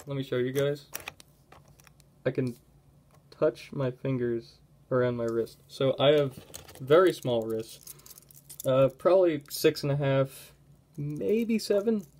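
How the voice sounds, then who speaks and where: A young man chats through a watch review at home, in a loose, rambling way that keeps breaking off and circling back. His voice sits a bit high for a man, with a dark, mellow tone. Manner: relaxed, rambling, self-interrupting. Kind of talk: casual product review vlog.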